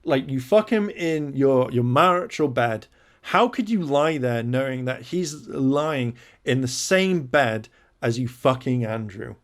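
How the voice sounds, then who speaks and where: A man's voice: mid-range voice, animated, measured pace. A man reading an article aloud and reacting with outraged, sarcastic swearing. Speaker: reaction video host.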